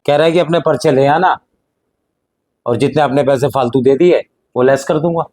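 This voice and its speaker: A man playing a calm, patient elder brother. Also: fairly high pitch, moderate pace, lightly acted. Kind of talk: Hindi family drama acting.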